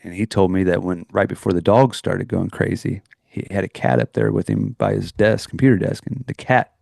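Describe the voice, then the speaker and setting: A man's voice: sits low, lively intonation, moderate pace, gravelly, a little mellow, no room sound, studio quality. A middle-aged man co-hosting a podcast, telling a personal story in a rambling, earnest way with many restarts. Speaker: podcast co-host. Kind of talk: casual chat, storytelling.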